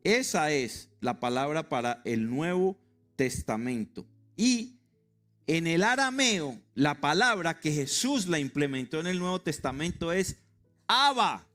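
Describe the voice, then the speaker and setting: Animated man preaching a sermon. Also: fairly high pitch, a little slow, soft background music. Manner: animated and emphatic, spells out words, jokes with the congregation. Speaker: pastor. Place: church sanctuary.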